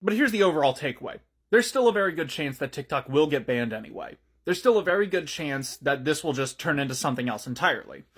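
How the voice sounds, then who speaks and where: A man giving brisk, sardonic commentary on a news story. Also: fairly high pitch, lively intonation, slightly rough.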